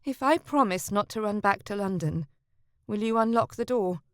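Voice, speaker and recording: A woman voicing a headstrong young noblewoman with sharp, indignant retorts. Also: medium pitch, expressive, normal speed, no room sound, studio quality, natural voice. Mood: defiant.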